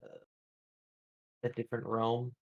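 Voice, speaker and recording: A man on game voice chat calmly explaining a setup in a matter-of-fact way. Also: medium pitch, measured pace, creaky, narrow, tinny audio. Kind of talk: voice chat while gaming.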